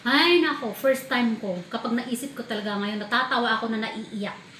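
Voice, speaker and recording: Filipina lady vlogging, kinda high voice, laughs a lot, echoey room w faint hum. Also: normal speed. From Philippines. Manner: animated, laughing while telling a sad story. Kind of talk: casual storytelling vlog.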